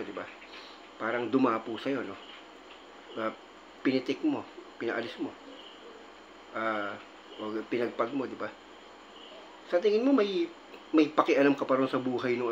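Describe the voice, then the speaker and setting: A man gives casual, rambling advice, often tossing in little tag questions. His voice sits at an ordinary middle pitch. The recording is a bit dull and lo-fi, with faint crickets and insects chirping behind him. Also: slight background noise. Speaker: video host.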